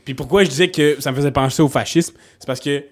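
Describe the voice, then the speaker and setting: A young man with a Québécois French accent co-hosting a podcast, rambling, laughing often and half-shouting words for fun. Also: on the high side, quick pace. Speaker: podcast co-host. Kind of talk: casual chat.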